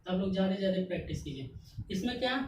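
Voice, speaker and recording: A woman's voice: medium pitch, lively intonation, very fast, a little mellow. A woman teaching English grammar, spelling words out letter by letter and answering her own questions. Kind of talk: classroom-style grammar lesson. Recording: echoey room, mic at a distance, faint noise.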